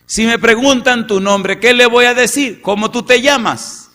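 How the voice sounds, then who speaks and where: A man's voice: very high-pitched, a little slow, sharp tone, long reverb tail, slight background noise, pitched above the performer's own voice, heavily acted. A man preacher acting out a pleading man who presses God for his name, asking in a raised voice.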